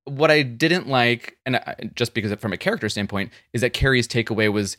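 A middle-aged man co-hosting a podcast, talking in an animated, chatty way with lots of fillers. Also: medium pitch, a little fast, no room sound, clean studio sound. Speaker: podcast co-host. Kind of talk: casual chat.

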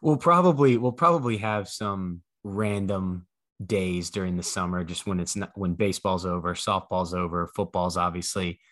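A young American man chats casually as co-host of a sports podcast. His voice sits low, and the recording is dry and close. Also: fairly even intonation, normal speed, fairly bright tone, no echo.

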